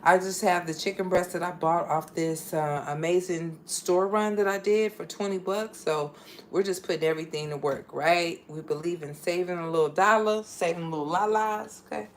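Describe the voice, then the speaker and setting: A woman's voice: on the low side, normal speed. Chatty woman cooking at home, noisy audio. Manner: chatty, repeats phrases, many fillers. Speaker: home cook livestream host. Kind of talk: casual cooking livestream chat. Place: home kitchen.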